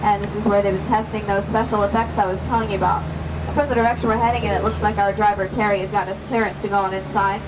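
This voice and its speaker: A woman's voice: mid-range voice, fairly even intonation, quick pace. A woman working as a tram tour guide, delivering scripted narration and announcing to a group of riders. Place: on a moving tour tram outdoors. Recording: echoey distant PA speaker, loud vehicle noise. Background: loud vehicle and ambient noise.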